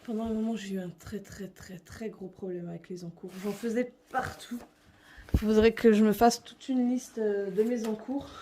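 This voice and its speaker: Mellow-voiced woman chatting casually. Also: mid-range voice, slight background noise. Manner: chatty, hesitant, many fillers. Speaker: vlogger. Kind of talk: casual chat showing her coloring books.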